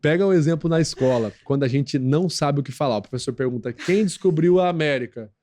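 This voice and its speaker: A man's voice: fast talker, dark tone. A man with a Brazilian accent speaking as a guest expert on a podcast, explaining step by step in a teaching tone and often checking in with "né?" and "tá?". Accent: Brazilian Portuguese. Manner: didactic, peppers talk with tag questions; acts out quoted voices in a high squeak. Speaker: guest expert on lie detection. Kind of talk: explanatory podcast interview talk.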